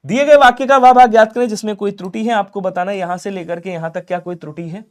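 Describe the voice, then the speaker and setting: A man runs a live online exam-prep class, his voice sitting high for a man. He quizzes viewers, repeats key points and keeps coaxing them to answer fast. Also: steady tone, clear, resonant tone. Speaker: Hindi grammar teacher.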